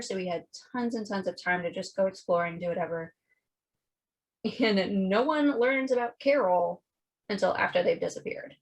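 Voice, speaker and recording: A woman co-hosting a podcast, walking through a true-crime case in loose, chatty storytelling. She swears casually and slips into quoted voices as she goes. Her voice sits at a middle pitch for a woman. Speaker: podcast co-host.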